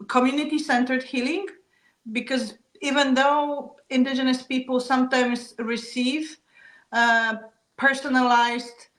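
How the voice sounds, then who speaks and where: Calm woman speaker in a roomy echo. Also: fairly high pitch. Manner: calm, explanatory, with soft laughs. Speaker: guest speaker. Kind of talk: explanatory talk on traditions.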